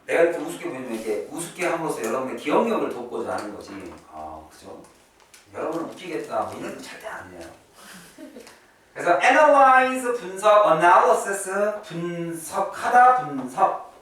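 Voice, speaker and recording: This chatty English teacher at a private academy walks students through vocabulary and grammar, checking in with them often. He has a fairly high, fairly bright voice with big pitch swings at a moderate pace. The recording comes from a distant mic in a very reverberant room with faint noise.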